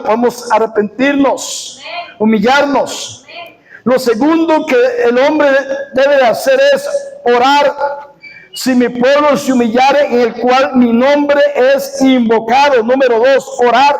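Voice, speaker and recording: A male preacher delivering a sermon, repeating key phrases and rising into shouted passages. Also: very high-pitched, fairly even intonation, measured pace, low-quality recording. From Costa Rica.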